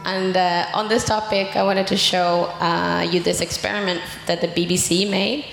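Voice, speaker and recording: A woman lecturing in a measured, explanatory manner in an echoey room. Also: on the low side, little pitch movement, creaky, a bit bright, soft background music. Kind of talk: presentation talk.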